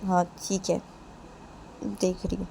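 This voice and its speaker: A woman's voice: lowish voice, little pitch movement, slow pace, vocal fry, dark tone, slight background noise. A woman voicing an angry, disapproving middle-aged mother who scolds sharply. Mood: grudging.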